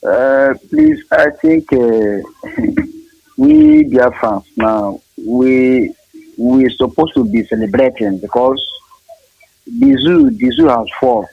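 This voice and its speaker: A man's voice: medium pitch, huge pitch swings, creaky, breathy edge, no echo. Man calling in over a clipped phone line. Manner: halting, repeats words, fills pauses with uh. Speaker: radio show caller. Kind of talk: call-in radio talk.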